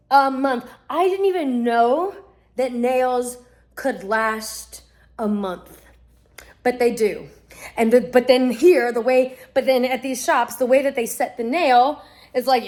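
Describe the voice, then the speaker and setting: A young woman, ranting to the camera in an exasperated, profane storytelling way. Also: sits high. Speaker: vlogger.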